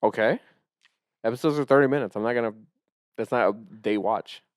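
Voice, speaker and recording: A man co-hosting a podcast in casual chat, rambling and excitable, often trailing off and restarting. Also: mid-range voice, brisk, clean tone, no room sound, studio quality. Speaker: podcast co-host.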